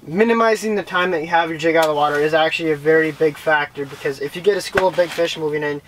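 A man's voice: on the high side, fast talker, fairly bright tone, low-quality recording. Young man, fishing how-to vlog, chatty explaining, small ice shelter, camera mic, light background noise. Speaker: fishing vlogger. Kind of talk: casual how-to commentary. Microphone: camera-mounted shotgun mic with windscreen.

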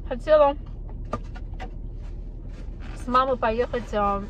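A woman's voice: on the high side, slow pace. A woman vlogger chatting casually while eating, talking with her mouth full. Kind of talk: casual mukbang chat. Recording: clear street traffic noise behind.

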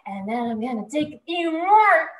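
A woman's voice: high-pitched, sing-song, normal speed, a bit bright, reverberant, distant mic, low-quality recording. A woman playing a grumbling, sarcastic housekeeper. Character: gruff, scheming housekeeper-thief. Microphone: video call.

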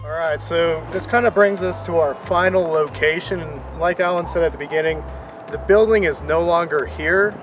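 Keen, higher-voiced outdoor man over music. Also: moderate pace. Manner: enthusiastic, chatty. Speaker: co-host of an exploration vlog. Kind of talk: casual on-location presenting. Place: outdoors on a residential street. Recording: distant voice with music bed.

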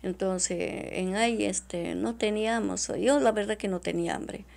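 A middle-aged woman, giving distressed, halting testimony in an interview and repeatedly addressing the interviewer. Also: mid-range voice, gravelly, darkish tone. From Peru. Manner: halting and repetitive, often addressing the interviewer as doctora. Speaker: witness.

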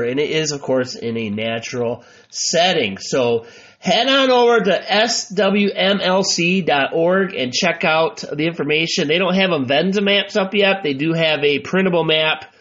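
A congested American man hosts a casual podcast in a fairly high-pitched voice. He sounds stuffed up and muffled, with an informal, folksy way of talking. The recording is dull and lo-fi. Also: a bit bright. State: congested from allergies. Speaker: podcast host. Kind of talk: casual solo podcast talk.

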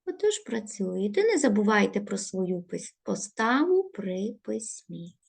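A woman teacher giving a recorded video lesson to young pupils, setting out instructions slowly and stressing each word. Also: mid-range voice, very animated, creaky. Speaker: primary school teacher.

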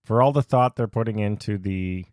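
Male podcast co-host, lower voice, dry close mic, chatty and wry. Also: normal speed, darkish tone, no echo. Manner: chatty, wry, lightly sarcastic. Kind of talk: casual chat.

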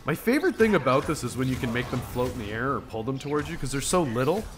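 A man's voice: medium pitch, sing-song, quick pace. A man hosting a gaming channel, giving casual let's-play commentary in a profane, joking way. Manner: profane, joking, laughs at himself.

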